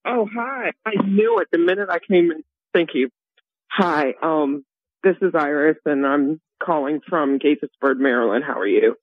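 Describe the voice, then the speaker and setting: A middle-aged woman calling in to a radio advice show over the phone, speaking hesitantly with many pauses and ums. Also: low-pitched. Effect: heard over a phone line on a radio show. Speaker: caller to a call-in advice show. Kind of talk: phone-in call. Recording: tinny phone line.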